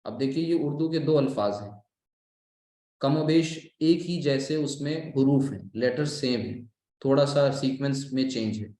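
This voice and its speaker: A man's voice: medium pitch, measured pace, mellow, roomy sound. A man giving a religious lecture, explaining patiently and repeating key terms as a teacher. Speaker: Islamic course lecturer. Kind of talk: religious lecture on Quran recitation.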